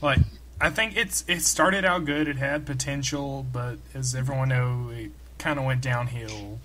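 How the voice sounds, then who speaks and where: A man's voice: mid-range voice, fairly even intonation, normal speed, crowd noise. A man co-hosting a casual podcast, talking in an easygoing, hedging way. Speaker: podcast co-host. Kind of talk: casual chat.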